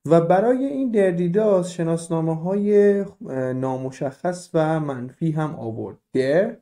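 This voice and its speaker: A man's voice: fairly high pitch, lively intonation, warm tone. A young man teaching a beginner German lesson in a casual way, explaining step by step and asking his students questions.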